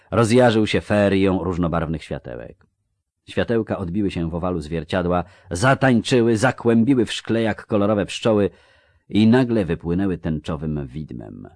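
Deep-voiced male audiobook narrator. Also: a little mellow, no echo, studio quality. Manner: measured, dramatic reading. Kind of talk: scripted literary narration.

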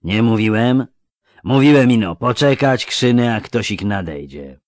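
A man voicing a gruff, taunting armed thug in an audiobook. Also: lowish voice, expressive, measured pace, dry recording, clean studio sound, pitched above the performer's own voice. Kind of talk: audiobook character voice.

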